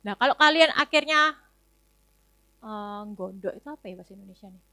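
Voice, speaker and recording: Animated and fairly quick, a young woman shares a casual sermon testimony at a youth service in a high-leaning, sharp voice. Fillers and tag words run all through her talk, and the studio recording is clean with no room sound.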